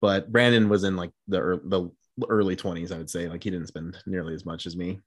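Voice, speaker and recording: A man's voice: low voice, fairly even intonation, brisk, dry recording. A man in his twenties hosting a casual chat with friends, loose and profane, rambling with fillers. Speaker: podcast host.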